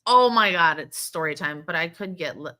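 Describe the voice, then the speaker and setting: Bright-voiced teasing woman from Florida. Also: lowish voice, lively intonation, normal speed. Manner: crude, teasing, rambling storyteller. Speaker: podcast co-host. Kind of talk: casual banter.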